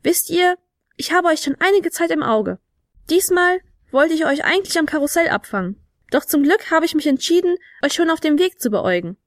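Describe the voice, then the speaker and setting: A woman voicing a proud, touchy little male goblin with a squeaky voice who takes offence easily. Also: expressive, a little fast, dry recording, studio quality. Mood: indignant. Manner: indignant, bossy.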